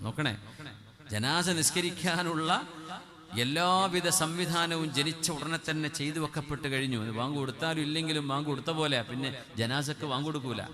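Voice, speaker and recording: A man preaching a sermon. He swings between loud emphatic passages and quick, quiet asides, and chants scripture in a sing-song lilt. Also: medium pitch. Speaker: Islamic preacher. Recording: speech with a crowd audible behind.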